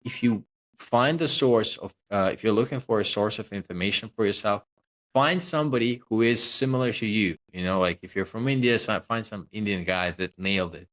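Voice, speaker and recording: Brisk and lowish, with a touch of brightness, the voice belongs to a Russian man who is a guest social selling consultant. In this relaxed interview he jokes around, talks himself up, and scatters fillers throughout.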